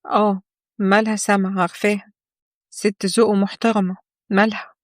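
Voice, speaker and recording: A woman's voice: medium pitch, little pitch movement, normal speed, no room sound, clean studio sound, lightly acted. A woman voicing a hurt Egyptian young wife. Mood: puzzled. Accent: Egyptian Arabic.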